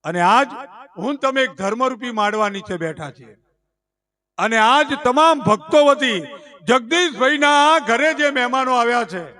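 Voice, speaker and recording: A man's voice: very high voice, pushed and bright. A man from Gujarat, telling folk jokes live at a village devotional gathering, stretching out each punchline and acting out the villagers he quotes. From Gujarat, India. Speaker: folk storyteller and emcee. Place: village gathering under a canopy.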